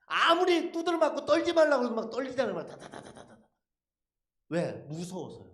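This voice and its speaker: A man's voice: very high voice, very animated, fast talker, fairly bright tone. A man giving a dramatic testimony at a church service, telling his story with rhetorical questions thrown to the congregation. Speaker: lay speaker giving a testimony. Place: church sanctuary. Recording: echoey church hall.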